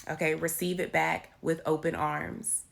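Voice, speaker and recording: A woman with a raspy voice giving an informal, emphatic devotional talk into her phone, repeating key phrases. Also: deep voice, flat delivery, a little slow, a bit bright. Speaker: faith vlogger giving encouragement. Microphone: handheld phone.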